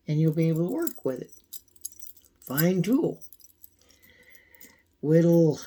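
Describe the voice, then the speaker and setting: A man giving a casual, folksy how-to demonstration, his voice thin and squeaky from a coming cold. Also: mellow. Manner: folksy, unhurried, frequent throat clearing. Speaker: video host demonstrating pocket knife care.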